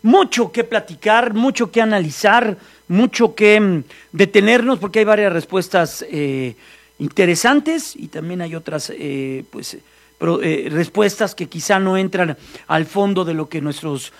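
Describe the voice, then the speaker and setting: A man's voice: high-pitched, lively intonation, measured pace. A man with a Mexican accent, a news anchor commenting live and hesitating with many fillers.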